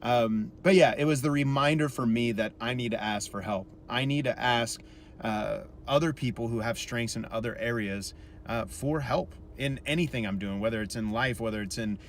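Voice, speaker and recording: A man in his thirties telling a self-deprecating story in a casual vlog, chatty and animated when he quotes people. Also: medium pitch, normal speed, a little hiss or hum. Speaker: musician vlogger.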